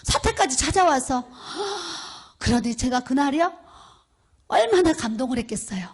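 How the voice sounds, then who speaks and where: A woman's voice: high voice, expressive, a little slow. A middle-aged woman, a pastor's wife, preaching a sermon as a storyteller who acts out the people she quotes. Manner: storytelling, acts out quoted speech with rising emphasis.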